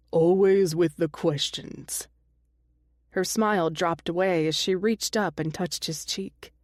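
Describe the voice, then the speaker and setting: Audiobook narrator: woman, lowish voice, dead-dry booth sound, romance read. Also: darkish tone, no echo. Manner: reads every character herself, small voice shifts.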